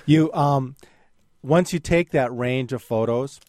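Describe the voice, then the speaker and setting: Man, middle pitch, relaxed explainer, dry close studio sound. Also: slow, no echo. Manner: explanatory, relaxed, many fillers. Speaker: radio guest expert on photography. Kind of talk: casual call-in radio chat. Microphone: studio microphone.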